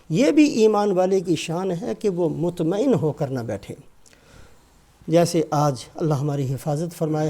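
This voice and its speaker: A man's voice: sits high, warm tone. An older man giving a sermon with Quran commentary, emphatic and rising and falling, breaking into Arabic recitation.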